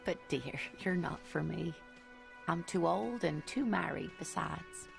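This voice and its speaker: A woman's voice: on the low side, measured pace, vocal fry, faint music behind. An actress voicing a fond, rambling, scatterbrained elderly woman in a video game. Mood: fond teasing. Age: older.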